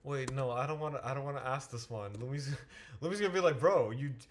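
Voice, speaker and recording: Speaking fast in a mid-range voice, a man who tutors math thinks aloud to his livestream audience in a casual way. He mutters while waiting on the screen, often starting over and correcting himself.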